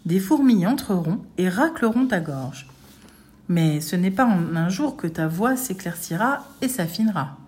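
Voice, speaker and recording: A woman doing a slow, measured sorcerer. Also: on the low side, expressive, a little mellow. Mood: instructive. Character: old village sorcerer, calm and knowing.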